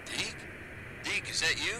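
A biker buddy on a buzzy radio. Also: male voice, high-pitched, heavy background noise. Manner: easygoing, friendly, halting with fillers. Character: loyal adult male biker friend checking in. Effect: buzzy, cutting-out radio call.

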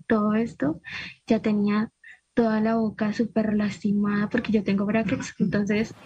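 A woman recounts her ordeal in short, repeated phrases. Her voice sits a bit high with a flat, husky, dark tone, and the audio is dull and muffled. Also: no echo. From Colombia. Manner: halting, repeats phrases in quick strings. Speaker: interviewee. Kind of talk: recounting a personal testimony.

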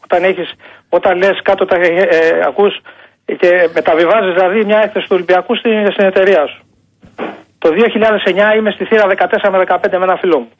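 A man's voice: sits high, fairly even intonation. A Greek man calling in to a sports radio show over the phone, insistent and repetitive as he argues his point. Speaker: caller. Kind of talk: call-in radio debate. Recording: phone line.

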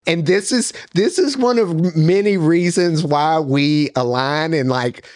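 A podcast co-host in his thirties, laid-back on a studio couch set, asks rambling, filler-heavy questions in a casual interview. He speaks at a measured pace with a darkish tone into a boom mic while wearing headphones, and there is no echo.

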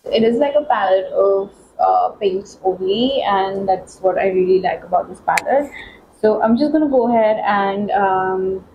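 A woman talking through a makeup tutorial as a beauty vlogger, chatty and excitable, with many fillers. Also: mid-range voice, unhurried, dull audio, slight background noise. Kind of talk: casual makeup tutorial chat.

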